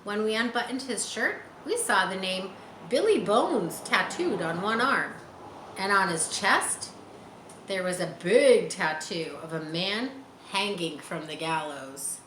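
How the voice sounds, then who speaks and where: This storyteller, a woman in her forties, dramatically reads a children's book aloud, stopping for asides aimed at young listeners. She speaks in a mid-range, fairly bright voice with lively intonation and a measured pace, recorded roomily by a camera a short way off in a bright room by large windows, with some background noise.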